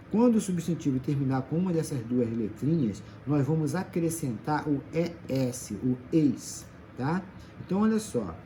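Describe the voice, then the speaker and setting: A man's voice: on the high side, mellow, a little hiss or hum. A Brazilian man teaching a grammar lesson, patient, stretching out example words and checking in after each point. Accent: Brazilian Portuguese. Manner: patient, checks in often with tag questions. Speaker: Portuguese teacher.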